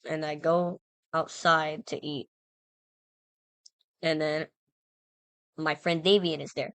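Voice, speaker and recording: Low-voiced woman rambling through a story. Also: dry recording. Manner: rambling, self-interrupting, frequent fillers and "right?"; playful, self-mocking. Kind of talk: casual anecdote telling.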